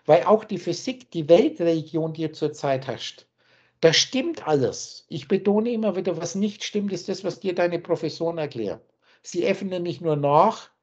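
A man lectures over a video call, pressing his points with insistence and circling back to repeat them. His voice has a husky, breathy edge. The call audio comes through muffled and lo-fi. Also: sits high, darkish tone. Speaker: spiritual teacher.

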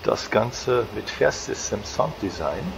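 A man's voice: lowish voice, sing-song, slow pace. A man hosting casual, unscripted game commentary in a hesitant way. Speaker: host. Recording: clear background train simulator noise. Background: train simulator ambience.

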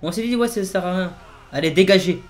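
Man, gaming commentary, excitable, shouts orders, jokey, slightly high voice. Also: brisk. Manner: excitable, shouting commands, joking. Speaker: gaming video host. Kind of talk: playful game commentary with role-play commands.

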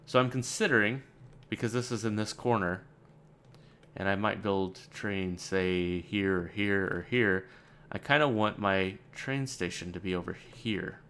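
Low-voiced man rambling through gameplay. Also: steady tone, unhurried, a bit bright, a little hiss or hum. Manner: thinking aloud, casual and rambling; dry sarcastic asides. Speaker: let's play gamer. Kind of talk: let's play game commentary.

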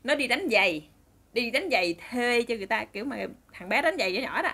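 Chatty Southern Vietnamese woman storyteller, brisk pace, somewhat high voice. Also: animated, sharp tone, husky. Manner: chatty, addresses the audience directly. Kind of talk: casual storytelling to listeners.

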